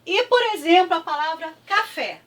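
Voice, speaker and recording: A woman's voice: extremely high pitch, a bit bright, recorded from a distance. A woman with a Brazilian Portuguese accent teaching a review lesson, patient and checking in often with her students. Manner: patient, repeats words slowly with clapping, frequent "tá?" checks.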